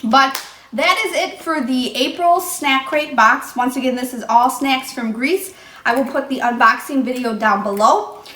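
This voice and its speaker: A woman's voice: high voice, a little slow, pushed and bright. A young woman hosting a casual snack taste-test vlog, chatty and upbeat, keeping an eye on a small child beside her. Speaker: vlogger. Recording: echoey room, faint noise.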